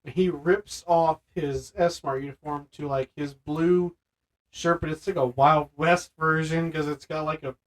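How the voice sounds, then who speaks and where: A man co-hosting a casual podcast chat, retelling film scenes in an animated way and using "like" often. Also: fairly high pitch, measured pace, low-quality recording. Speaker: podcast co-host.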